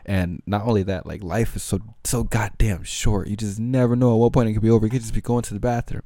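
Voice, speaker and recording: A man's voice: fairly low pitch, steady tone, fast, warm tone, dry recording, clean studio sound. A man hosting his own podcast, rambling in loose, slangy casual chat with lots of filler words. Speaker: podcast host.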